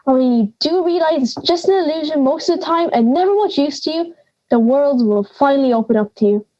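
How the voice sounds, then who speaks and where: A young woman performs as a ninety-year-old granny from the woods in an audio drama, a blunt, feisty character who scolds sarcastically and presses urgently. She speaks fairly quickly in a high, expressive, warm voice, and the audio is dull.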